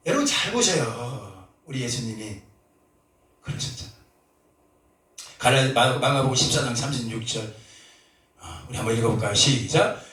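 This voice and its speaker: Impassioned pastor in an echoing church. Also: male voice, mid-range voice, expressive, moderate pace, long pauses. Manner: passionate, shifting between soft talk and shouted cries. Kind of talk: sermon. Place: church sanctuary. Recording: roomy church echo, from a distance.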